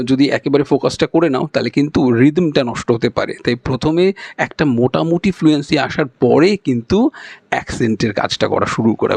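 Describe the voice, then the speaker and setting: A man with a Bengali accent, teaching English pronunciation in a spoken lesson and demonstrating sounds slowly and patiently. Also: mid-range voice, creaky, a little mellow, no room sound.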